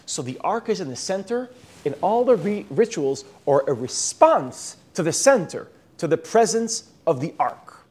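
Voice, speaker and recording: A man's voice: sits high, very animated, a little slow, darkish tone, slightly rough. An Israeli man with an American-sounding accent, lecturing on a Bible book, often restarting words and mixing in Hebrew terms. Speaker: Bible teacher.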